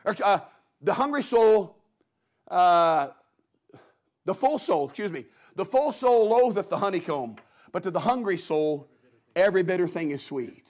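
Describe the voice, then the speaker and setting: High-pitched guy preaching in church, homey jokes, does little voices. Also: animated, unhurried, long pauses, a little mellow. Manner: folksy storytelling preacher, acts out voices of Bible figures. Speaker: guest preacher. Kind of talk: sermon.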